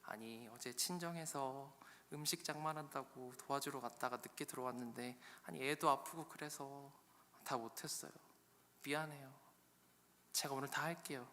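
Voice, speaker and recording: A man voicing a weary young wife and mother who pleads softly and apologizes. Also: medium pitch, moderate pace, slight background noise. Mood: apologetic. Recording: long echo of a church hall.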